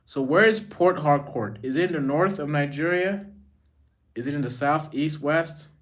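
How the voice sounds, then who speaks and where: A man's voice: fairly high pitch, moderate pace. A man from Rwanda, hosting a casual livestream and chatting while he greets viewers by name and reads their comments. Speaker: livestream host.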